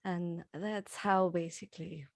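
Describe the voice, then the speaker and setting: Argentinian-born woman musician talking casually, lower voice, dry close sound. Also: steady tone, measured pace, no echo. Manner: chatty, laughs often, restarts words. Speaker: musician guest. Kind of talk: casual interview conversation.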